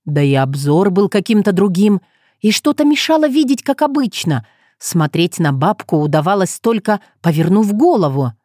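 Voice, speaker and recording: A woman reading a story aloud as narrator in an expressive storytelling manner. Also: medium pitch, moderate pace, no echo, studio quality. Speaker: audiobook narrator. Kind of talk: scripted narration.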